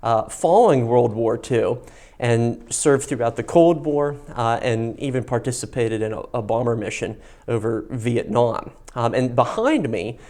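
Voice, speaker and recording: Male host, medium pitch, informal tour narration, explanatory, measured phrasing, emphatic key words. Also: animated, a little mellow. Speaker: host of a history and film channel, guiding a museum tour. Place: inside a museum gallery.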